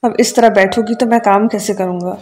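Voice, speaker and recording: A woman reading the lines of a stern, quick-tempered young husband in a novel, curt and scolding but tender underneath, with faint music behind. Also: mid-range voice, fairly even intonation, a little mellow, natural voice. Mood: softening.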